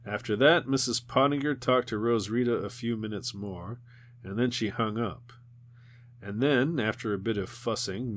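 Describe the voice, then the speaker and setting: A man narrating a children's novel in a steady, measured way. His voice sits on the low side, and the reading moves at an even, unhurried pace. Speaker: audiobook reader. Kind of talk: audiobook narration.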